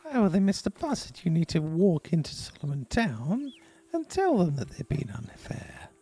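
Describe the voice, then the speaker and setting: A snooty formal old west gentleman, creaky, swoopy delivery, needling, western rp. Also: a little high, huge pitch swings, exaggerated voice. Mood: needling, haughty. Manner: formal, haughty, deliberate, repetitive. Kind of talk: improvised western game role-play.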